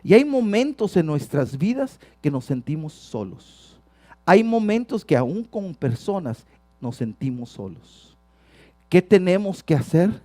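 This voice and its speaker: Dramatic high-voiced preacher. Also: male voice, very animated, unhurried, no room sound. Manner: dramatic, shifts from hushed to shouting while reading psalms. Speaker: pastor. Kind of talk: sermon.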